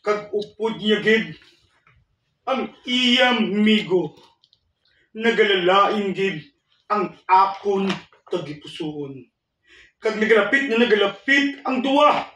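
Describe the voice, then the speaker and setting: Melodramatic man in an old radio show, high-pitched. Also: lively intonation, slow, long pauses, recorded from a distance, a little hiss or hum. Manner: melodramatic, shouting and wailing. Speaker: radio drama performer. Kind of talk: old radio drama acting spoof. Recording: echoey room voice from afar.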